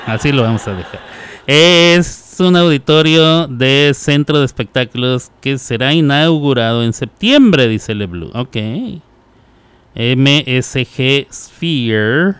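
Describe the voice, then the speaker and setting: A man's voice: medium pitch, takes it slowly, fairly bright tone, clear, resonant tone, no room sound. A man hosting a radio show, chatting casually, teasing listeners and laughing often. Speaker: radio host.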